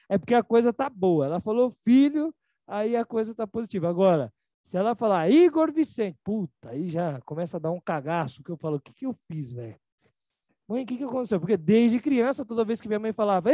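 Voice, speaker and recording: A man's voice: warm tone, dry recording. A man with a Brazilian Portuguese accent teaching a live online class in a casual, slangy way. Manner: casual and slangy, mimics others in a higher voice. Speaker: emotional reprogramming teacher. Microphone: video call.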